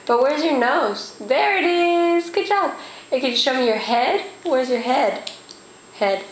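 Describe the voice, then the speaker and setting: A woman quizzing her toddler in a home video, asking slow coaxing questions in a sing-song voice and praising her. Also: high voice, animated. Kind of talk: home video baby talk. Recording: echoey room, faint noise.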